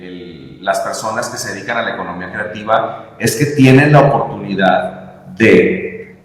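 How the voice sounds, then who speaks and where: Mexican man, emphatic podcast guest, mid pitch, heavy room echo and reverb. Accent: Mexican Spanish. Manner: emphatic, explanatory, many fillers. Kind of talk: conversational interview. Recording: echoey room with long reverb.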